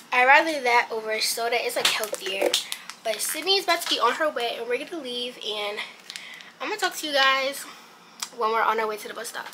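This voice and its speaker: A woman's voice: on the high side, very noisy. A teenage girl chatting casually to her vlog camera, full of slang and fillers. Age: teens. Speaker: vlogger. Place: kitchen, then street and gym. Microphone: handheld camera at arm's length.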